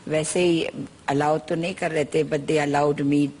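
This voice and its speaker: A woman's voice: low voice, fairly even intonation, slow, a little mellow, husky. An older woman, a mother on a talk show, chatting casually and mixing Hindi and English. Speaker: guest, mother. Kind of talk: casual chat.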